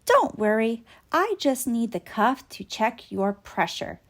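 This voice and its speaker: A woman's voice: fairly high pitch, sing-song, takes it slowly, full character voice. Woman as Doc McStuffins, reassuring little girl doctor. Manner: reassuring, explaining. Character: caring young girl toy doctor, reassuring, matter-of-fact.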